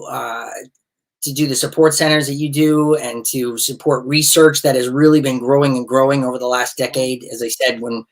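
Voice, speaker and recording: A man talking loosely over a video call at a middle pitch, often restarting his sentences. His manner is rambling and heartfelt, like an unscripted thank-you. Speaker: guest supporter. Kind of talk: casual video call chat.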